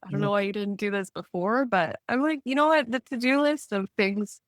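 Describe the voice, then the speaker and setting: Brisk and medium-pitched, a woman from Canada is heard in a dry, studio-quality recording. She's a client in a healing session having a candid, casual therapeutic conversation, rambling informally, reflecting on herself, and often using "like."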